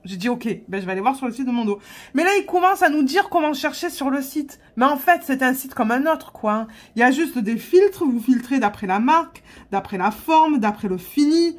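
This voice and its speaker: A woman with a high voice chats through a story while crafting. She laughs often, and she hesitates and restarts as she talks. She sounds like a relaxed vlogger talking straight to her viewers. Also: fairly quick.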